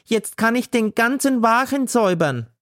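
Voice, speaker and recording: A woman's voice: medium pitch, measured pace, gravelly, no echo, studio quality, pitched above the performer's own voice. A man reading a story aloud and voicing a woman sausage vendor who scolds and shrieks in indignant outbursts. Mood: outraged.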